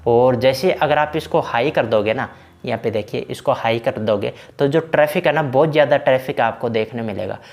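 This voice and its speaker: Chatty man with a gravelly voice. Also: mid-range voice, normal speed, a little mellow. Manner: chatty, repeats fillers like "na" and "bhai". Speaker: game tutorial creator. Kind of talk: casual screen-recorded game walkthrough.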